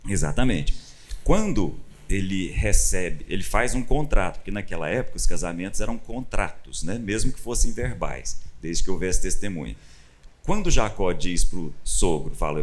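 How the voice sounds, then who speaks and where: A Brazilian man preaching in a conversational teaching style, animated and acting out the people he quotes. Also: low voice, normal speed. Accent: Brazilian Portuguese. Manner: animated, acts out quoted voices with rising emphasis. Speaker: pastor. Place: church stage.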